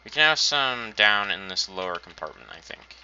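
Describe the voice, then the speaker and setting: This gaming channel host has a lowish, pushed and bright voice with lively intonation, speaking at normal speed over slight background noise. In a casual let's-play, he talks through his own gameplay while building, thinking aloud and adding dry, self-mocking quips, all in a dull lo-fi home recording.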